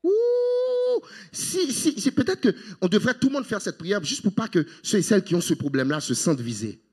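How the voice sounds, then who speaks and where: Animated husky-voiced male pastor preaching. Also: fast talker. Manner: animated preaching, mixing in English phrases, sudden high exclamations. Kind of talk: sermon.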